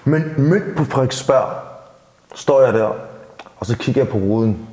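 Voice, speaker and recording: A man's voice: mid-range voice, darkish tone. A man talking as a podcast guest, telling a story in a candid, rambling way, swearing casually and repeating words. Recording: reverberant room with long echo.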